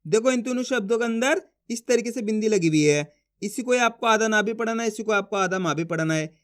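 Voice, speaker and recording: A man teaching reading in an online lesson, slowly sounding out syllables and repeating his own questions and answers. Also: high voice, a bit bright.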